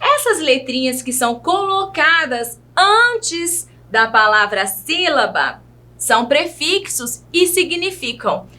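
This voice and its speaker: Slow, bright-voiced woman teacher. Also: sits high, sing-song. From Brazil. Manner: slow, exaggerated enunciation of words; patient, asks questions to young learners. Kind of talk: children's video lesson.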